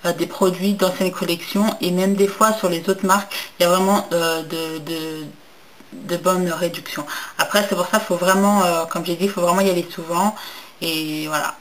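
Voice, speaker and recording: A young woman talks through a makeup haul in a casual, rambling way, with a slightly low voice. She hesitates often, restarts her sentences and gushes over the packaging. Faint kitchen clatter is heard in the background. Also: a little hiss or hum, low-quality recording. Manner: hesitant, many fillers and restarts; enthusiastic about packaging. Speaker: beauty vlogger.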